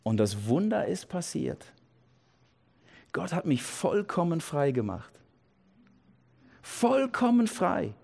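Earnest German-speaking preacher, slightly high voice. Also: male voice, big pitch swings, measured pace, vocal fry, pauses often, darkish tone. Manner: earnest, emphatic, with repeated phrases and sudden drops to a low voice. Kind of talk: sermon.

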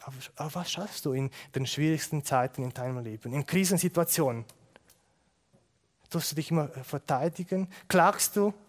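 A man delivers a sermon with earnest conviction. His voice sits a little high for a man. He swings from loud, pressing emphasis down to hushed, intense asides. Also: moderate pace. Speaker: preacher.

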